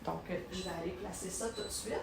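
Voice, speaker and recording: Gravelly-voiced Québécois woman demoing at home. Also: fairly low pitch, steady tone, fast talker, heavy background noise. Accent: Québécois French. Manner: chatty, stumbles over words. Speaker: home products seller. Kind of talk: casual live product demo. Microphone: phone.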